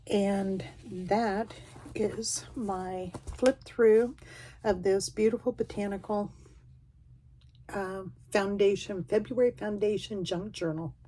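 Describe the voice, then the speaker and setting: A woman's voice: medium pitch, warm tone, a little hiss or hum. A middle-aged woman, chatting casually and a bit self-deprecatingly as she flips through a craft journal. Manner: folksy, self-deprecating, rambling. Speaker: craft vlogger.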